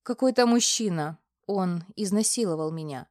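A woman's voice: fairly low pitch, expressive, moderate pace, darkish tone, no echo, clean studio sound, lightly acted. A woman reading the part of a frightened eighteen-year-old woman, pleading and tense. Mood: shaken.

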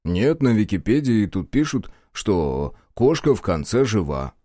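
A man doing an unruffled ex-husband who answers every attack with a soft, maddeningly mild tone. His voice is warm and dark, rising and falling in lively curves. It is read dry and close, as in an audiobook. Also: lowish voice, measured pace, no echo. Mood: cautious. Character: calm, evasive ex-husband. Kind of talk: audiobook character voice.

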